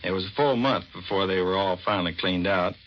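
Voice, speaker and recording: A deep-voiced American navy commander answers scripted interview questions briskly and matter-of-factly. The broadcast is 1940s radio, heard through a dull vintage recording.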